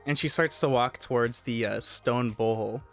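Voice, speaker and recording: A male game master improvises tabletop narration at a slow pace. His pitch is middling, and music plays clearly behind him.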